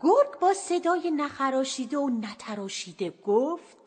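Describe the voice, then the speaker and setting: A woman telling a children's story with lively, expressive narration. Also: high voice. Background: music.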